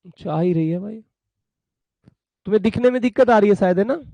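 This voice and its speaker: High-voiced gravelly male teacher. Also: fairly quick, dark tone, no room sound. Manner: acts out buyer and seller in a story, chatty and fatherly with students. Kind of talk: live online class.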